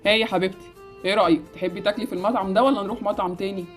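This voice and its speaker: A woman's voice: medium pitch, fairly even intonation, rapid-fire, faint music behind, close to an everyday voice. A woman with an Egyptian accent voicing a good-hearted but decisive husband in an amateur game animation. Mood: affable.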